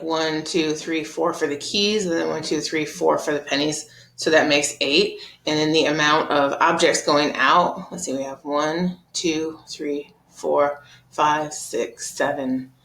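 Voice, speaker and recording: A woman with a low voice talks students through an art lesson over slides. She explains in a relaxed, chatty way, often pausing on um and uh. The recording is roomy and echoey. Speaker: art teacher. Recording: roomy echo.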